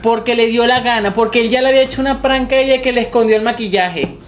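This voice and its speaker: A woman's voice: a little high, fairly even intonation, quick pace, a little hiss or hum. Chatty Venezuelan woman telling stories. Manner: chatty storyteller, acts out quotes. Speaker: podcast co-host. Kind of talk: casual chat.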